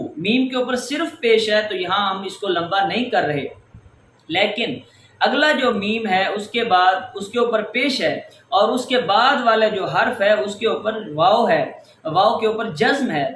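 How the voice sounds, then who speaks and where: A Quran recitation teacher gives a tajweed lesson, patiently explaining each rule step by step and drawing out example words. His voice sits high with a fairly bright tone. The room is echoey with faint ambience and slight background noise.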